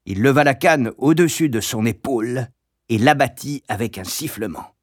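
A man's voice: medium pitch, animated, no echo, studio quality. Grave male audiobook narrator. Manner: measured, grave storytelling.

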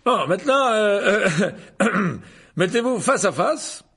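A man voicing a vain, pompous male wizard teacher who clears his throat when flustered, in a storybook reading. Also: sits high, lively intonation, slow pace, fairly bright tone, voice pushed up, full character voice.

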